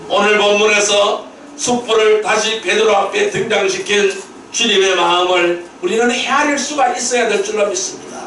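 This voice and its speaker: A man pastor delivering a Sunday sermon, emphatic, asking rhetorical questions and rising to shouted peaks, recorded in a church sanctuary. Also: high voice, fairly even intonation, moderate pace, slight background noise. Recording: very echoey hall, mic at a distance.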